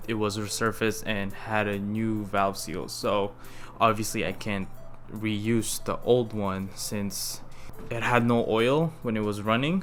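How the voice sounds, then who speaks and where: A young man hosts his own car project vlog, chatting loosely to camera and restarting often. His voice is fairly low and a bit bright.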